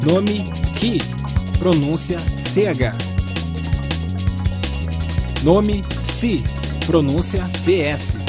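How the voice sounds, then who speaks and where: Super slow steady reading of letters, mid pitch, loud music behind. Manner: slow, even, repetitive listing. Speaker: alphabet reader. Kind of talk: reading a list aloud.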